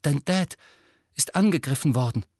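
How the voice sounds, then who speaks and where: A man's voice: a little high, lively intonation, moderate pace, darkish tone, husky, no room sound, studio quality. A man voicing a panicked teenage boy wizard in pain, gasping and agitated, in an audiobook reading. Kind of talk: audiobook character voice.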